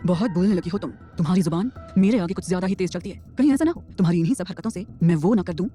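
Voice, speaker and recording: A woman voicing a cold, possessive young man who threatens through clenched teeth, pitched well below her own voice. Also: racing, warm tone, soft background music, lightly acted. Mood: menacing.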